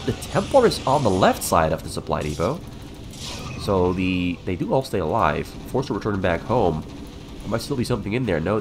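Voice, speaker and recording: A man with a stuffy, flu-ridden nose commentating a game as an esports caster, calling the play in short clipped phrases. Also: lowish voice.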